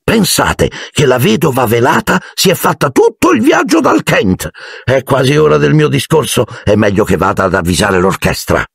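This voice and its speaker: A man's voice: medium pitch, wildly swooping pitch, unhurried, gravelly, fairly bright tone, slightly rough, no echo, pitched above the performer's own voice, exaggerated voice. A haughty male ghost nobleman, acted by a man reading the book, speaks in a raised, stiffly affected voice. He sounds proud and easily offended. The recording is dry and close.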